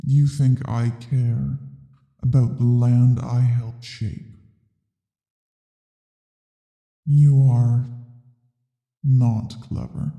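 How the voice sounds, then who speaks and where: Giant female dragon, contemptuous, menacing, very drawn-out delivery, deep mellow darkness, theatrical ASMR roleplay, cavernous reverb. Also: fairly even intonation, heavily acted. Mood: scornful. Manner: imperious, deliberate, disdainful. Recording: cavernous echo and long reverb.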